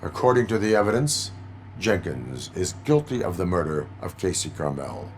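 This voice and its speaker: A man playing a stoic cyborg police officer in a video game, speaking in a formal, deadpan, clipped official way. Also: low voice, normal speed, a little hiss or hum. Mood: stern, impassive. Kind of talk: video game character dialogue.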